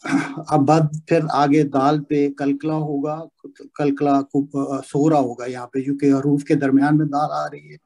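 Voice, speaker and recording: Hesitant guy in online class, slightly high voice, lots of pauses. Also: little pitch movement, dark tone. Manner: hesitant, many pauses and fillers, reciting slowly. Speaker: student.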